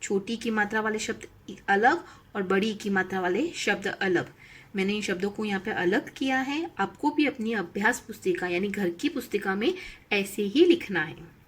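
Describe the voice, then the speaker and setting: A woman's voice: mid-range voice, normal speed, slightly rough. A woman teaching a Hindi lesson to young primary school children, stretching out each word and asking simple questions as she goes. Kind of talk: slow, clearly enunciated lesson for young children.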